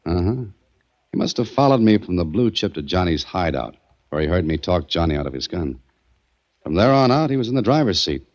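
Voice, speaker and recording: A low, very animated, fairly quick and slightly mellow male voice plays a hard-boiled detective, dry and determined, narrating his own case. It's 1940s radio acting, heard through a dull old radio recording.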